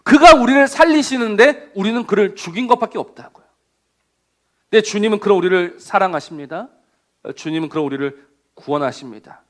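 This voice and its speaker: A male pastor preaching with a high, very expressive voice that climbs and falls over a wide range. He swings from ringing emphasis to hushed, almost whispered lines. He poses rhetorical questions and stretches out key words. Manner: dramatic, swings from loud to near-whisper. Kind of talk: sermon.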